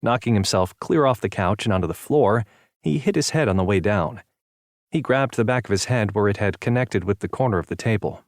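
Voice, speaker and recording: A man narrating a romance audiobook in a steady, even storytelling manner. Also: on the low side, brisk, no room sound, studio quality. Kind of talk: scripted narration.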